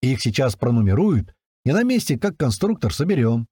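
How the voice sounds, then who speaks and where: A man voicing a calm, wry male commander who explains matter-of-factly. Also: medium pitch, normal speed, breathy edge, no room sound, clean studio sound. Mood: explaining.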